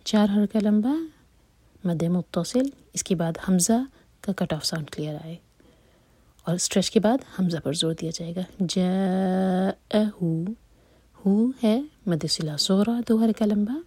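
A woman leads a patient recitation lesson in a mellow, slightly husky, lowish voice. She stretches the recited words out slowly, then explains in a soft half-whisper. The sound is close and dry, with no room around it. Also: dry recording. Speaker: Quran recitation teacher.

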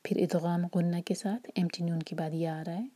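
A woman teaching recitation step by step, often half-whispering her explanations and drawing out each recited word slowly. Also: fairly low pitch, steady tone, no room sound. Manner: soft, often whispered explanations between slow drawn-out recited words.

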